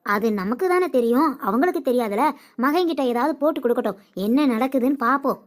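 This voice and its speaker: A woman's voice: sits high, expressive, fast talker. A woman doing a cheeky teasing sister-in-law. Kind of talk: cartoon comedy voice acting.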